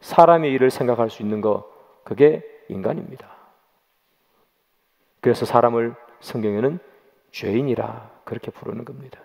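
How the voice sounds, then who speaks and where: A man's voice: mid-range voice, normal speed, gravelly, pauses often, a little mellow. A man preaching a sermon as pastor, dramatic and questioning the congregation, acting out quoted voices. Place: church sanctuary. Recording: long church reverb.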